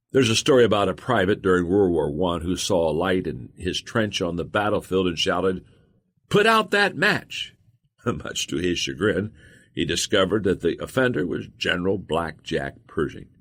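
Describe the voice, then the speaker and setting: Man, audiobook narrator, very deep voice, lively swinging intonation, emphatic reading.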